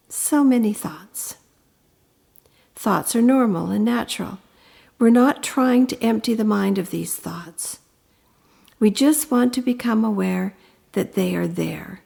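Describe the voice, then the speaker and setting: Speaking in a mid-range voice, a woman guides a meditation gently and soothingly, giving instructions with pauses. Her phrases trail off into breathiness.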